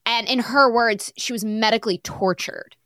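A woman's voice: on the high side, moderate pace, pushed and bright, no room sound. Fiery young woman guest, blunt and sarcastic, with a close, dry sound. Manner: outspoken and passionate, swears freely; sarcastic mocking impressions. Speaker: podcast guest. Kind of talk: candid conversational interview.

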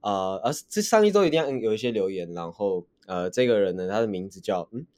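A man's voice: fairly low pitch, lively intonation, brisk, darkish tone. A man co-hosting a podcast in casual conversation. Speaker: podcast co-host. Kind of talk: casual chat.

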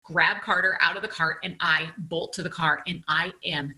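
A woman who works as a television news anchor, telling a story as an interview guest in an animated, self-mocking way. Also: on the low side, moderate pace, rough recording. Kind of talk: casual storytelling.

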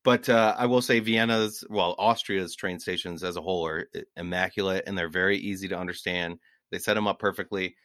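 A man's voice: low voice, fairly even intonation, a little fast, a bit bright, dry recording, clean studio sound. A man co-hosting a podcast, telling rambling travel stories in casual chat and laughing at his own anecdotes. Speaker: podcast co-host.

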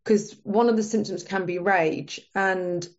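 A woman's voice: medium pitch, a little slow, muffled recording. A woman guest talking casually in a podcast interview, chatty and full of fillers and restarts. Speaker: menopause coach, guest.

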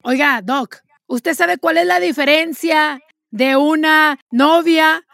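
A woman's voice: sits high, slow, creaky, fairly bright tone, no echo, studio quality. A woman with a Mexican Spanish accent co-hosting a casual podcast, talking frankly and telling bawdy jokes. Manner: bawdy, joking storyteller. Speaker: podcast co-host.

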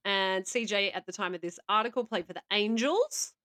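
Mid-range in pitch, pushed and bright, this woman's voice runs a little fast. She's a podcast co-host on a casual show, laughing and tossing in playful asides while she reads stories out.

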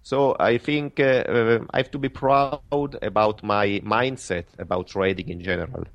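A man with an Italian accent speaks in a somewhat low voice, giving interview answers in careful, halting English. He pauses often, restarts his sentences and fills the gaps with "uh". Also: steady tone, lo-fi sound. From Italy. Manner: halting, many fillers and restarts. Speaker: guest trader.

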